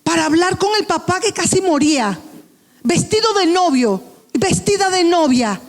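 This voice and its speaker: A woman's voice: very high voice, lively intonation, normal speed. A woman pastor preaching a sermon, telling a story with quoted dialogue in a passionate, emotional way.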